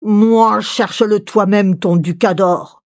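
A woman's voice: mid-range voice, fairly even intonation, takes it slowly, a little mellow, no echo. A woman playing a grumpy, bossy fairy-tale king who barks indignant orders. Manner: barking, indignant commands.

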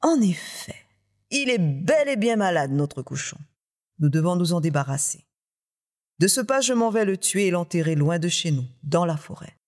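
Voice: mid-range voice, normal speed, natural voice. A storyteller voicing a greedy, hot-tempered tiger husband who blusters indignantly in a somewhat raised voice.

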